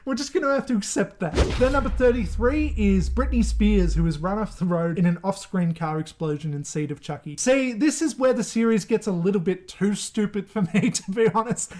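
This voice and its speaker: A man's voice: sits high, brisk, few pauses, a little mellow. A man giving casual, rambling commentary on horror movies, often breaking into laughter.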